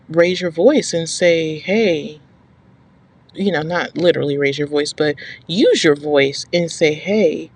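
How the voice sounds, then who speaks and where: A woman vlogger talking straight to her viewers with firm advice, stressing and repeating her points and checking in with "okay?". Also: sits low. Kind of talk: direct-to-camera advice talk.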